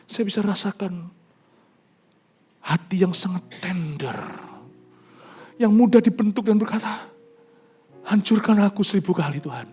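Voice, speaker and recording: A male pastor preaching a sermon with dramatic swings from loud declarations to hushed near-whispers, mixing in English phrases. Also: high voice, a little slow, long pauses, husky. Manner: mixes English phrases into his talk, sings worship lines.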